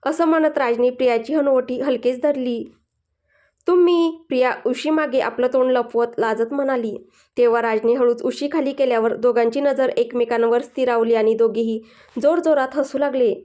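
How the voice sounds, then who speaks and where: A woman with a high, light voice narrates a romantic story. Her reading is gentle and evenly paced, steady from line to line. She tells it the way a storyteller reads a serialized tale. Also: fairly quick, dull audio.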